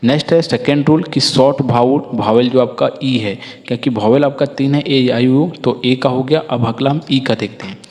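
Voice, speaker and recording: An English teacher leads a patient, classroom-style phonics lesson, working through word lists and frequently asking listeners to repeat after him. His ordinary-pitched, slightly mellow voice has fairly even intonation, a moderate pace and few pauses. A long reverb makes it sound as though he is in a large hall.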